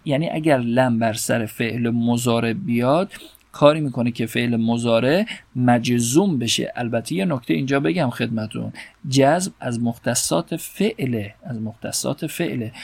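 A man teaching an Arabic grammar lesson, explaining step by step and repeating examples slowly. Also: medium pitch, gravelly, no echo.

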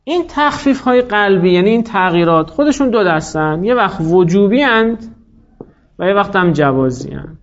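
A man's voice: sits high, highs cut off. A male teacher giving a grammar lecture, explaining rules step by step and asking and answering his own questions.

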